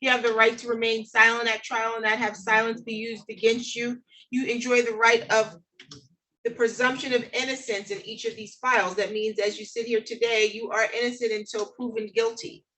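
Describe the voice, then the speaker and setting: Woman judge, courtroom hearing, higher voice, formal procedural questioning, faint background noise and clicks. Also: a bit bright, poor audio. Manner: procedural, explaining rights step by step.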